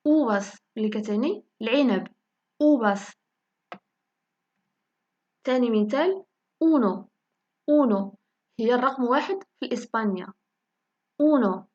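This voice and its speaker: Moroccan woman teaching letters slowly. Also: a little high, animated, a little mellow, dull audio. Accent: Moroccan Arabic. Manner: slow, repeats each word several times for learners. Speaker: language teacher. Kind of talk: spoken lesson in Moroccan Darija.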